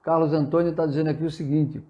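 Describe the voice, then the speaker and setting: Brazilian male preacher on a livestream, higher-pitched and earnest, exhorting listeners while answering comments. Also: flat delivery, fast, warm tone, muffled recording. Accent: Brazilian Portuguese. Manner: earnest and exhortative, reads out viewer comments and replies. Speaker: spiritist preacher hosting a live session. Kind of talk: live sermon-style talk answering viewer comments. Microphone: livestream from a phone or computer.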